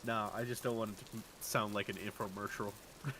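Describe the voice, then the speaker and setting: A man streaming a game and chatting casually, wry and quick to laugh. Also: fairly low pitch, steady tone, background noise. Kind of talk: casual gaming chat.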